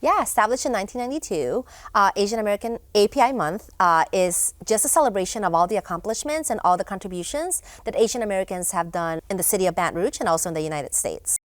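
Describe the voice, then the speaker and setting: A woman's voice: medium pitch, animated, quick pace, hardly any pauses, dry recording. A young woman from Honduras, a guest in a studio interview, talking casually with many fillers and restarts. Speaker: guest, event founder.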